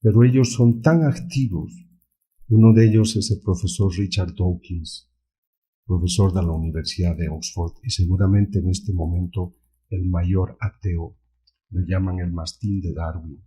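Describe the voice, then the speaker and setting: A man's voice: low-pitched, fairly even intonation, measured pace, warm tone, husky. A man giving an earnest, preacherly symposium talk on faith and science, full of rhetorical questions. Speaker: symposium speaker. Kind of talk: public lecture on faith and science. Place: conference hall.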